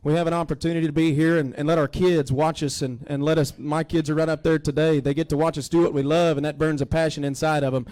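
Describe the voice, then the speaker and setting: A man's voice: a little high, little pitch movement, quick pace, few pauses, a little mellow. A man, giving an earnest introductory speech as an auctioneer contestant into a stand microphone. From Oklahoma, United States. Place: indoor livestock auction arena. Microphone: stand microphone, close to mouth.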